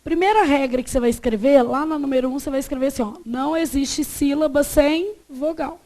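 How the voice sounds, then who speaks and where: A Brazilian woman in her thirties teaching Portuguese grammar in an emphatic, animated manner, stretching out syllables when she spells and acting out quoted dialogue. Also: high voice, fairly quick. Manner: acts out quoted dialogue in lively voices. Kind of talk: classroom lecture.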